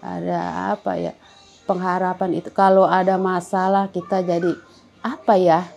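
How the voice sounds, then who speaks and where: A woman's voice: on the low side, level tone, normal speed, gravelly, darkish tone, highs cut off. A middle-aged woman giving a spoken testimony in a casual interview, talking in an earnest, rambling way with many fillers and restarts.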